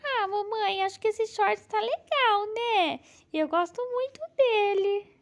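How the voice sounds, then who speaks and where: A woman's voice: very high-pitched, takes it slowly, voice pushed up, full character voice. A woman voicing a cheerful little girl doll, with a sweet, whiny childlike voice.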